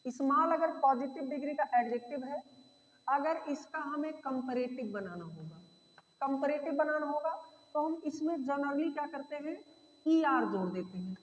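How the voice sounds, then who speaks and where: High-voiced woman teaching in an echoey room. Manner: repeats key points, addresses students as beta; slows to spell out words. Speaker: English teacher. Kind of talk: Hindi grammar lesson. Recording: echoey room with long reverb.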